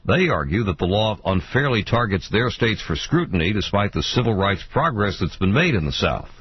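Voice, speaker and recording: A man reading a news bulletin in a measured, formal way, heard over an AM radio broadcast. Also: lowish voice, big pitch swings, slightly rough, dull audio. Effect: AM radio broadcast sound. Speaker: newscaster.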